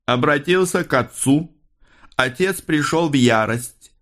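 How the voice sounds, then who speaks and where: A man's voice: fairly high pitch, measured pace, fairly bright tone, pitched above the performer's own voice. A man voicing a disturbed male detective who mumbles obsessively, his speech slurred.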